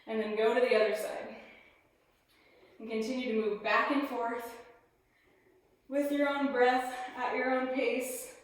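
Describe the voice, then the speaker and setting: A woman leading a yoga class, giving calm step-by-step cues and sounding a little out of breath as she moves through the poses. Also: on the high side, measured pace, pauses often. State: slightly out of breath. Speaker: yoga instructor. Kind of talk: guided yoga class instruction. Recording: very echoey room.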